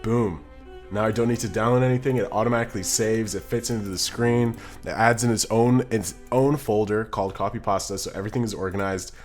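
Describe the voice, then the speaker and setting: A man with a fairly low voice chats on a live stream in a loose, rambling way. He reads viewer messages out loud and answers them off the cuff. Soft music plays faintly behind him. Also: brisk. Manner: rambling, chatty, reacts to chat and laughs often. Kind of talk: casual live-stream chat.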